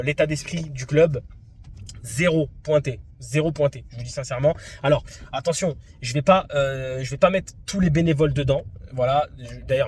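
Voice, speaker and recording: A man in his twenties from France, retelling a tennis match dispute in an indignant, animated vlog. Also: a little high, a little hiss or hum. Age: 20s. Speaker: tennis vlogger. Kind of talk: vlog story recap.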